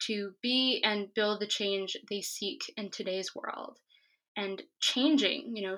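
Steady-voiced woman podcast host. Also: mid-range voice, low-quality recording. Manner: even, steady delivery. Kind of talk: podcast interview, reading an introduction.

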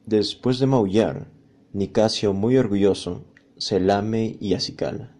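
A man narrating a children's story in a calm, measured way. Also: lowish voice.

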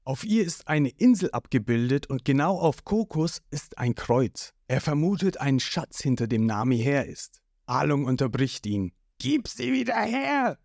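A woman narrating an audio manga in a lively storytelling manner. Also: a bass voice, moderate pace, no room sound, studio quality.

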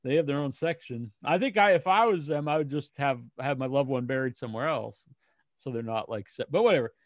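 An American man chatting casually as a podcast co-host, telling things in a rambling, halting way with false starts. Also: medium pitch, no room sound, highs cut off. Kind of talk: casual chat.

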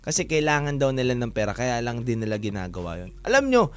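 A man hosting an online radio-style show, chatting and telling a story to his listeners in a lively, animated way. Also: medium pitch, fast, smooth. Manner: animated, keeps calling listeners "mga kawan". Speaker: DJ host.

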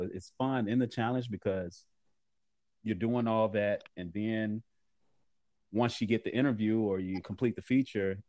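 A man giving measured, earnest interview answers in fairly formal wording as a magazine editor. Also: low voice, a little mellow, dry recording.

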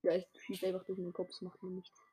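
A young woman chatting casually while playing a video game with a friend, excitable and trash-talking in slang. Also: lowish voice, fast talker, husky. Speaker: gamer. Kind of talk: casual gaming chat.

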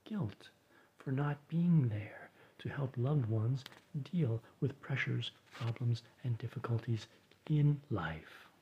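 A man reading reflections and a recipe aloud in a soft, often whispered voice, with dry deadpan asides. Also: medium pitch, takes it slowly, lo-fi sound, slight background noise.

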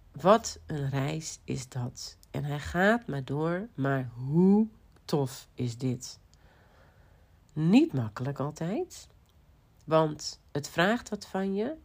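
A middle-aged woman, a business coach, talking casually and lively, with restarts and fillers. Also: low-pitched, creaky. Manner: lively, tumbling sentences with many restarts and fillers. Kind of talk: casual monologue, podcast-like.

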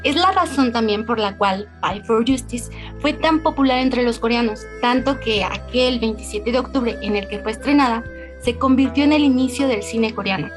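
Clear, high-voiced Mexican woman host. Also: moderate pace, over music. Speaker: podcast host. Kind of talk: scripted podcast presentation.

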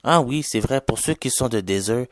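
A man's voice: mid-range voice, animated, normal speed, no room sound, clean studio sound. A young man from Quebec with a Québécois French accent that has a slight Haitian touch, hosting his own podcast in a chatty, rambling solo monologue full of fillers and English slang. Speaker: podcast host.

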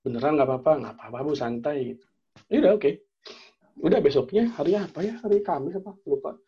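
A young man in casual chat, telling a personal story in an animated way, acting out the dialogue and using plenty of slang and fillers. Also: a little high, fast, husky, dull audio.

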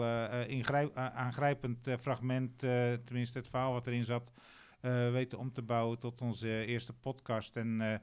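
A man's voice: mid-range voice, smooth. A man co-hosting a radio show, reminiscing casually and often searching for his words. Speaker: radio show co-host looking back.

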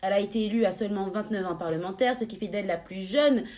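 A young woman co-hosting a casual podcast, bubbly, laughing often and filling pauses with hesitations. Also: medium pitch, darkish tone. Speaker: podcast co-host.

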